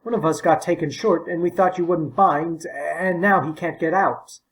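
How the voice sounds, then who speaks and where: A man's voice: fairly high pitch, normal speed, voice pushed up, natural voice, low-quality recording. A man voicing a polite but pushy young boy in an audiobook, urgent and overly courteous. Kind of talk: audiobook character voice.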